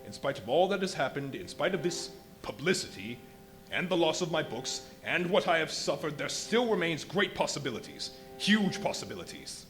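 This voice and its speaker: An actor in a live radio play playing a ruthless, megalomaniac invisible scientist, speaking in an imperious, deliberate, menacing way. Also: male voice, a little high, very animated, fairly bright tone. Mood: scheming, deliberate. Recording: live stage recording with music underneath. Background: music.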